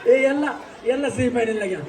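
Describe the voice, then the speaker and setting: A man hosting a live stage game, joking and coaxing the players with quick instructions. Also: very high voice, noisy background. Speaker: game show host. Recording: distant mic with crowd behind.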